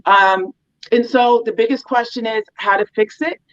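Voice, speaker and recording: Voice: mid-range voice, normal speed, fairly bright tone. Chatty dog trainer on a dull recording. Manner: loose, with many "um"s and "you know"s. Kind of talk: casual explanatory interview talk. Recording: dull, slightly lo-fi sound.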